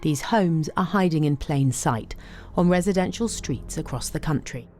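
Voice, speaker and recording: A woman news reporter reading a scripted narration in a measured, serious way. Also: low-pitched, animated, a little mellow, soft background music.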